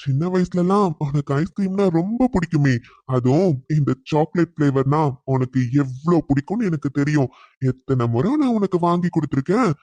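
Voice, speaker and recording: A man's voice: on the high side, animated, a little fast, darkish tone, no echo. A man voicing a scheming middle-aged uncle in a cartoon, who talks in a coaxing, insistent way. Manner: coaxing, insistent, turns menacing when alone. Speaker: maternal uncle character.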